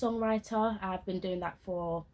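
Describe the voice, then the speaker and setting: A woman's voice: medium pitch, steady tone, a little fast, a little mellow. A woman in her twenties with a South London accent, chatting casually and readily as an interview guest in a studio. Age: 20s. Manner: chatty, laughs often. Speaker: guest singer-songwriter. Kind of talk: casual radio interview chat. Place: radio studio.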